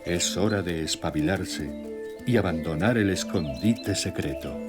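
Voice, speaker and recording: A man narrating a scripted nature documentary in a measured, solemn storytelling way. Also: low voice. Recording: music bed with nature sounds. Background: music, birdsong and nature sounds.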